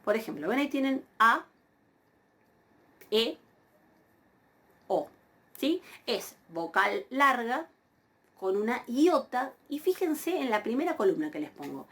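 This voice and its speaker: A woman giving a recorded university lesson on Greek pronunciation. She repeats each word slowly and keeps checking with her students. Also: on the high side, very animated, fairly bright tone. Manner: patient, repeats words slowly with frequent "¿sí?" checks. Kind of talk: recorded lecture.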